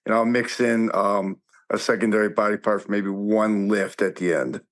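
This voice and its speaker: Man in his 50s, low voice, slow with the uhs, on a panel. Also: fairly even intonation. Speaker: panel guest. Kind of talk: casual panel chat.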